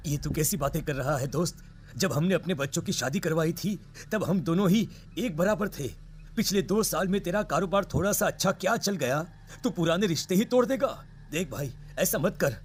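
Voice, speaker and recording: A man plays an earnest village man in a horror cartoon, pleading in a fairly high voice. Faint music sits behind him. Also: expressive, moderate pace, slight background noise, natural voice. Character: worried village father, pleading. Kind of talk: cartoon voice acting.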